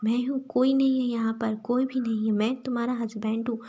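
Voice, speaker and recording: Young male doctor, calm and firm, breathy husky voice , as a woman reads him, storybook. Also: on the high side, brisk, dull audio. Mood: soothing. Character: brooding young doctor husband, firm but gentle.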